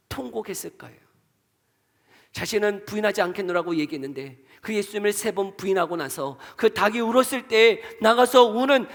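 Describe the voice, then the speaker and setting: A male pastor preaching a sermon, asking the congregation questions, answering them himself and leading them in reading verses aloud, swinging between loud emphatic lines and soft, hushed ones. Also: high voice. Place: church sanctuary. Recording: church hall reverb.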